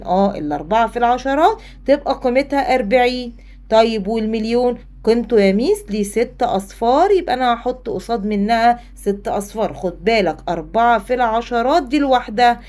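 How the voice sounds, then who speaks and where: A woman with an Egyptian accent teaching a primary school math lesson, speaking straight to the pupil and acting out the pupil's answers. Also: fairly high pitch. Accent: Egyptian Arabic. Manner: lively, talks to the pupil, voices the pupil's replies.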